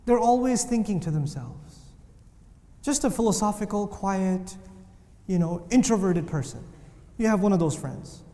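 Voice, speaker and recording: A man giving a lively Islamic lesson, telling stories with acted-out voices, recorded in a reverberant lecture hall. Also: sits high, measured pace, pauses often. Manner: animated storytelling with voices and jokes. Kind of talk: lively religious talk. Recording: reverberant hall with faint noise.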